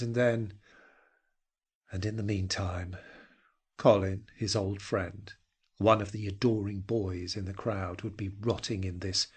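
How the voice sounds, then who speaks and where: A man with a lowish, slightly breathy voice narrates a dark short story. His delivery is brooding and theatrical, sometimes sinking almost to a whisper.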